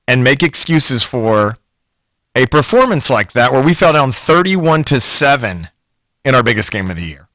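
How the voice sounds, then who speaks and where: A man's voice: mid-range voice, bright, forceful tone, no echo. A middle-aged man hosting a sports radio show in a studio, brash, opinionated and folksy. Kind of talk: sports talk radio monologue.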